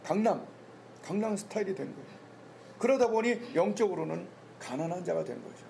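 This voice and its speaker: Male pastor, gravelly voice that sits a bit high, preaching with rhetorical questions; faint background noise on the recording. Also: animated, brisk, darkish tone. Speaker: senior pastor. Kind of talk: sermon. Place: church sanctuary.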